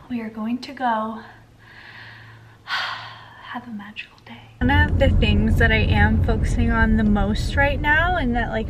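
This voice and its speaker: Soft-spoken young woman vlogging, pregnant. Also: a little high, rough recording. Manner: soft, reflective, trails off into whispers. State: heavily pregnant. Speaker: lifestyle vlogger. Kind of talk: casual vlog talk to camera. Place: parked car, then outdoors by a river. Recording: clear background noise.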